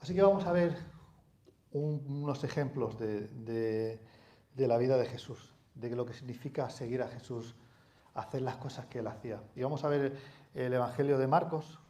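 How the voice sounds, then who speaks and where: A man's voice: mid-range voice, normal speed, dark tone. A man from preaching a sermon in a conversational way, asking the congregation rhetorical questions and adding asides. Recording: echoey hall.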